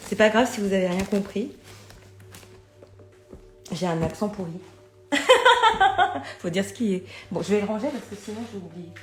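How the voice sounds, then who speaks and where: A woman's voice: medium pitch, normal speed, long pauses, a little mellow, soft background music. A middle-aged woman chatting casually to viewers about oracle cards, often checking they follow her with little asides. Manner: chatty, keeps addressing viewers, many fillers. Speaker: oracle card reader.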